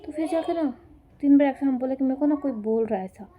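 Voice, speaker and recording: A woman's voice: sits high, fast talker, narrow, tinny audio, crowd noise. A young woman telling a personal story in a casual vlog, chatty and rambling. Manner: chatty, rambling retelling with fillers. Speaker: vlogger.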